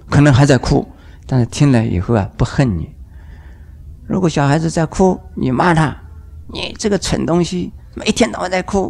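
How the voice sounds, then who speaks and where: An older man gives a Buddhist dharma talk in a gravelly voice of middle pitch. He speaks unhurriedly, stretching his phrases with soft trailing particles. Now and then he acts out the people in his examples. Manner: unhurried, drawn-out phrases with sentence-final particles, acting out quoted voices. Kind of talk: dharma lecture.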